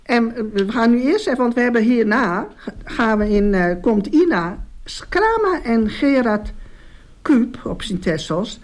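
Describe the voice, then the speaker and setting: A woman's voice: a little high, animated, a little slow. Chatty, hesitant woman radio host. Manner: hesitant, chatty, echoes the guest's words. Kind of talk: casual, unscripted radio interview.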